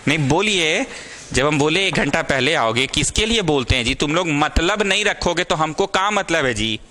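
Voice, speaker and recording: High bright-voiced maths tutor. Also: male voice, expressive, normal speed, a little hiss or hum. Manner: scolding yet caring, mixes Hindi and English. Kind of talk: classroom teaching.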